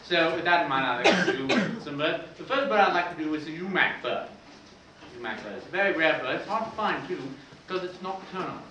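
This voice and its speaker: A man's voice: fairly high pitch, lively intonation, a little fast, pushed and bright, far from the mic. Mock-pompous comedian man on a live stage. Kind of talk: stand-up comedy routine. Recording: roomy live stage sound from afar, audience and noise.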